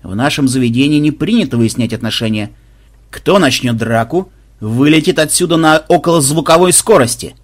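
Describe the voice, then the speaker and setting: Burly, blustering tavern keeper, played by a man; loud, husky, talkative. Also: on the high side, expressive, normal speed.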